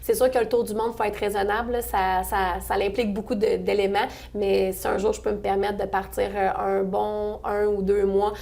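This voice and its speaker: This young Québécoise from the Sorel-Tracy area, in her 20s, works events for the chamber of commerce and appears as an interview guest. Her mid-range, creaky voice has a darkish tone and little pitch movement, moving at normal speed with hardly any pauses. She chats warmly, often restarting and using fillers.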